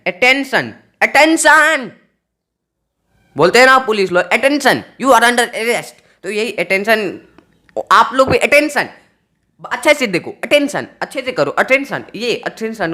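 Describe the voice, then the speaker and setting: A man's voice: sits high, pushed and bright. A man teaching English pronunciation to students, spelling out words letter by letter and repeating each point. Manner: repetitive, spells out letters one by one.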